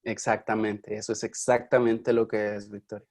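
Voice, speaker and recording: A man's voice: lowish voice, level tone, moderate pace, a little mellow. Chatty male teacher in online class. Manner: chatty, checks in with frequent questions. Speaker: university Spanish linguistics teacher.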